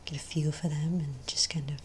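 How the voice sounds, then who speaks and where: A woman takes the role of a friendly magic shop owner in a gentle, wandering ASMR role play, using a soft, breathy near-whisper. She speaks briskly in a deep, steady tone, with a little hiss or hum in the recording.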